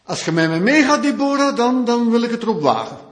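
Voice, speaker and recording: A man's voice: extremely high pitch, very animated, fairly quick, pitched above the performer's own voice. A man voicing a cautious army leader who hesitantly sets conditions before going. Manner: hesitant, bargaining.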